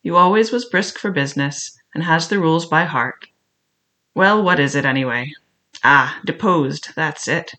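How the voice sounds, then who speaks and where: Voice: medium pitch, normal speed, bright, forceful tone, lightly acted. A reader voicing a sly, scornful old pirate cook. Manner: wheedling, mocking, sly. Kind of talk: audiobook character reading.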